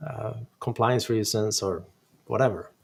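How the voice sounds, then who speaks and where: A man co-hosting a tech Q&A in casual chat, halting and repeating words, with dry asides. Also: lowish voice, gravelly, a little hiss or hum. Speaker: co-host and instructor.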